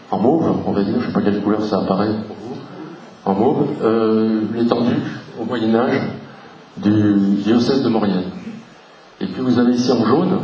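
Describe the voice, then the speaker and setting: A man gives a public history talk in a hall, taking his time and spelling out letters from his slides. He sounds far from the microphone, and the room echoes around him. His voice sits at an ordinary middle pitch for a man. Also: darkish tone, a little hiss or hum. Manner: unhurried, explanatory, spells out letters for the audience. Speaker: local history lecturer. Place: hall with a live audience.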